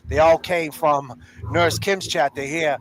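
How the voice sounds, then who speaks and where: A man's voice: a little high, fairly even intonation, a little slow, crowd noise, low-quality recording. A middle-aged man hosting a livestream, confrontational and heated, calling people out by name. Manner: confrontational, repeats names and calls people out directly. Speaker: livestream host.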